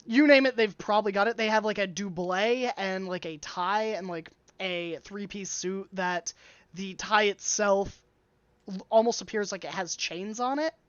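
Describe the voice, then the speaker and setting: A woman runs a tabletop game and describes each scene in a loose, chatty way, with plenty of fillers along the way. Her voice sits in a middle pitch, and the sound comes through dry and a bit muffled. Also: normal speed, no echo. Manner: casual descriptive narration with many fillers. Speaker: game master.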